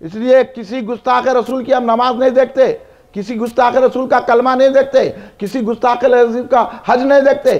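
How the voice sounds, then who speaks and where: High-pitched preacher, emphatic. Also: male voice. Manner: emphatic, repetitive rhetorical lists, prompting the crowd to respond. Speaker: preacher at a religious gathering. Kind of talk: devotional sermon. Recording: dull lo-fi event recording.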